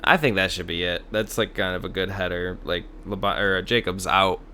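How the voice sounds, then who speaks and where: A man's voice: low voice, steady tone, fairly quick, sharp tone, a little hiss or hum. A man co-hosting a casual podcast about Bible stories, talking in a laid-back, reflective way. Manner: laid-back, reflective, reads the scripture aloud. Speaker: podcast co-host.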